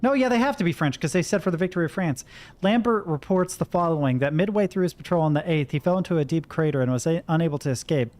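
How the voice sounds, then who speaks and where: A man's voice: on the high side, expressive, fast, a little mellow. An American man doing casual livestream game commentary, talking to himself as he plays and reading in-game notes aloud. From Kentucky, United States. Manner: talks to himself while playing. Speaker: game streamer.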